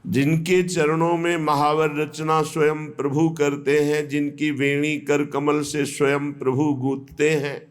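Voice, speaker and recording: A man giving a devotional discourse as a spiritual teacher, speaking in a measured, reverent way. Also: fairly high pitch, level tone, smooth. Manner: slow, measured, reverent delivery.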